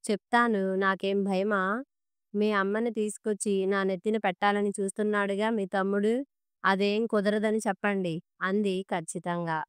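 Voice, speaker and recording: A woman's voice: mid-range voice, level tone, moderate pace, clean tone, no room sound, studio quality, natural voice. A woman voicing a quarrelsome middle-aged wife who speaks sarcastically and cuttingly. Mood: scolding.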